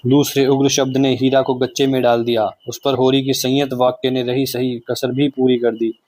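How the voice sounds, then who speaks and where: A man's voice: mid-range voice, no room sound. Man narrating a classic novel evenly. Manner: steady, measured storytelling. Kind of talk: reading a classic novel aloud.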